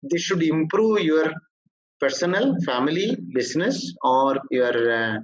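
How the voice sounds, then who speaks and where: Male corporate trainer, slightly high voice, halting and explanatory lecture delivery, muffled lo-fi recording. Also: animated. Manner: halting, explanatory, frequent restarts. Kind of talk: workshop lecture.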